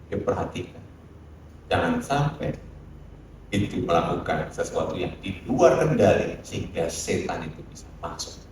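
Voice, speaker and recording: A man preaching a sermon with lively delivery, acting out scolding lines and putting questions to the congregation. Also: deep voice, normal speed, a little hiss or hum. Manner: animated preaching, acts out scolding quotes, asks the congregation questions. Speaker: pastor. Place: church hall. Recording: very echoey church hall, mic far off.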